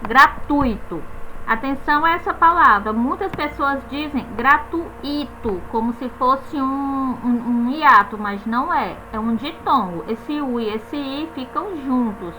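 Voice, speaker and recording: A woman teaching a grammar lesson, saying each example word slowly and spelling out letters, often ending with a questioning tag. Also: high-pitched, lively intonation, bright, forceful tone, a little hiss or hum, rough recording.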